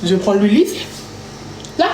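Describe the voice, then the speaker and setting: Live streaming from her kitchen at home, a woman with a sing-song, mid-range voice chats playfully at a moderate pace and frequently sings to herself. The mic is distant, and the echoey room carries background noise.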